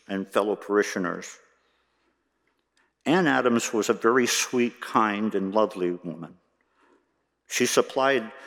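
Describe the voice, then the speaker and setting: Gentle older man in reverberant sanctuary. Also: lowish voice. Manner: gentle, reflective storytelling with wry humor. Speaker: worship associate. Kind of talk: personal reflection at a church service.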